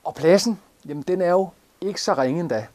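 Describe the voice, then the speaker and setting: A man in his forties with a Jutlandic Danish accent, casually showing a caravan from inside, with many fillers and restarts. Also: high-pitched. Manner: relaxed, many fillers and repeats. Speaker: caravan reviewer. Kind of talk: casual product walkthrough.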